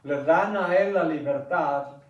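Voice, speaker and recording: A man preaching an impassioned sermon, quizzing the congregation and building to loud climaxes. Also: fairly high pitch, slow, dull audio. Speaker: pastor. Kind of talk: sermon with Bible reading. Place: church sanctuary. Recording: echoey church, mic at a distance.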